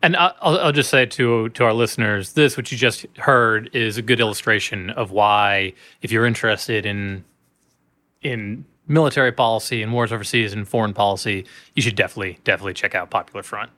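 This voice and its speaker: A man hosting a podcast, wrapping up in a relaxed, jokey casual chat. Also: lowish voice, brisk. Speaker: podcast host.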